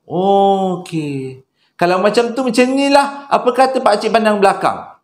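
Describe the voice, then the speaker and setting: A man's voice: sits high, expressive, unhurried, voice pushed up. A man doing a sly taunting ghost woman. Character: sly female ghost passenger. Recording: roomy echo.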